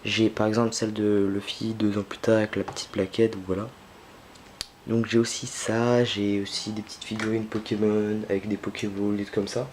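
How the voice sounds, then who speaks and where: Young male vlogger, lowish voice, casual and halting, home camera recording with faint noise. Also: level tone. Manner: hesitant, many fillers and restarts. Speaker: unboxing vlogger. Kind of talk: casual unboxing commentary.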